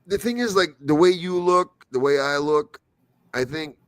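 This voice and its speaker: A man's voice: on the high side, moderate pace, a bit bright, smooth, no echo. A man hosting a livestream. He chats casually, asks his guest questions and laughs often. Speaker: host.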